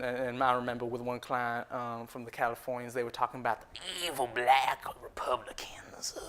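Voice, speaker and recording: A man's voice: medium pitch, natural voice. A man playing a chuckling freed-slave barber. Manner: folksy, chuckling, animated storytelling with frequent fillers. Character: proud freed-slave barber entrepreneur, boastful, chuckling storyteller. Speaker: historical reenactor. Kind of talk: first-person living history monologue.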